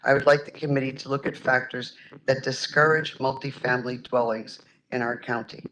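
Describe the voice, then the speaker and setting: A man and local senior-housing advocate reading prepared testimony at a public hearing in a measured way. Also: medium pitch, steady tone, noisy background. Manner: measured, reads prepared remarks.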